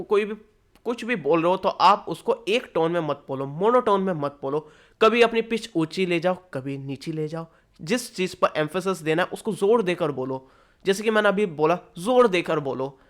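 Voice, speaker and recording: A man's voice: a little high, a bit bright, clear, resonant tone. A young man giving a casual lecture, chatting through slides and repeating each point in plainer words. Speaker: teacher.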